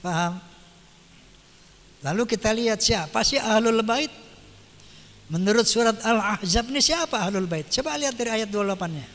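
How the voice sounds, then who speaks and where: A man's voice: high-pitched, animated, normal speed, pauses often, a bit bright. A male preacher giving a sermon in a casual, colloquial way, often asking the audience rhetorical questions. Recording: long hall reverb.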